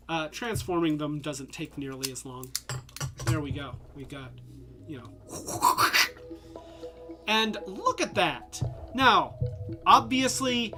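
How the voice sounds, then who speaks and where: Reviewing toys on a live stream, this host sounds medium-pitched and a bit bright, though stuffy, hoarse, and slightly tipsy after some drinks. Their casual commentary wanders, packed with fillers and false starts.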